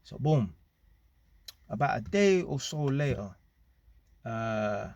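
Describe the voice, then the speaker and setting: A man casually telling a story to camera, animated and full of street slang and tag questions. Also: mid-range voice, slow. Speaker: vlogger.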